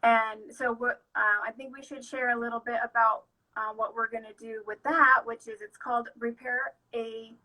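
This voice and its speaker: A woman who runs a shop hosts a relaxed chat, bubbling with enthusiasm and filling pauses with "um." Her voice is bright and forceful, set a little high. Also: rough recording. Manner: enthusiastic, with many fillers. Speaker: shop owner and host. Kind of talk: casual interview chat.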